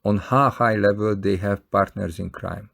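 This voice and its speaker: Male video maker, Hungarian accent, lowish gravelly voice, earnest and plain-spoken direct appeal. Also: steady tone, normal speed, fairly bright tone. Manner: earnest, plain-spoken, non-native phrasing. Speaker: video maker appealing to fellow scam victims. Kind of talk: scripted appeal to camera.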